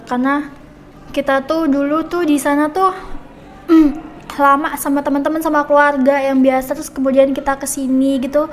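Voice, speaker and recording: Brief: young female podcast host, high voice, chatty, lots of little fillers. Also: level tone, normal speed. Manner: chatty, friendly prompting with many hmm and nih fillers. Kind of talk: casual podcast interview.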